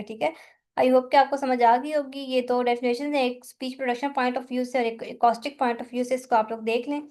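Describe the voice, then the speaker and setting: A woman's voice: high-pitched, a little mellow. A woman tutor with a Pakistani accent patiently explains a lecture, often checking that students follow. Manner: patient, repeats "thik hai" to check understanding. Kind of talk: explaining a lecture in mixed Hindi and English.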